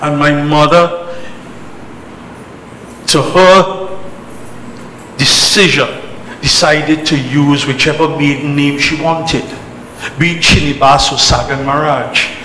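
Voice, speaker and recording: Speaking through an echoing hall's PA amid background noise, a male religious organisation leader addresses a community gathering at a temple celebration. Born in Trinidad with an early life in England, he has a bright, slightly high voice and uses emphatic, deliberate oratory built on short phrases and repetition.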